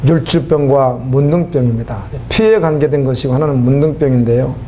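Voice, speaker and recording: A man's voice: mid-range voice, fairly quick, warm tone, slight background noise. A man preaching a sermon as a pastor, emotional and pleading, his voice rising into fervent cries.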